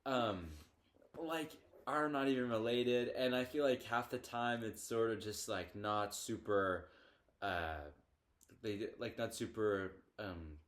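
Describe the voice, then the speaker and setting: A man's voice: on the low side, slow, a bit bright. A teenage boy co-hosting a podcast in casual chat, talking loosely with many fillers and restarts. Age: teens. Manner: hesitant, lots of fillers and restarts. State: hiccups. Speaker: podcast co-host.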